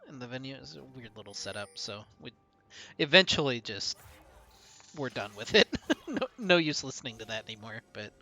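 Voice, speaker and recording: A young man casting an esports match, chatty between plays and calling the action fast when fights break out. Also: medium pitch. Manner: rises to fast excited calls in fights; chatty, laughs between anecdotes. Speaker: esports caster. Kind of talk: play-by-play game commentary.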